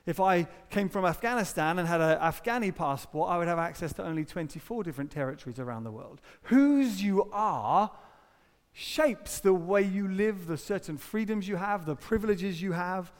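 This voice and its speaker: A man preaching a sermon, talking in a conversational way with rhetorical questions and quick asides. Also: high-pitched, lively intonation. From Britain. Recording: long hall reverb.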